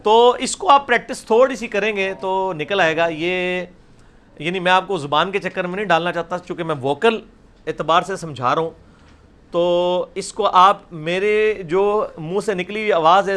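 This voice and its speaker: Religious teacher, man, fairly high voice, repeats letters loudly and firmly. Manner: drills letters by repeating them loudly, mixing Punjabi into Urdu. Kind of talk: live Quranic pronunciation class.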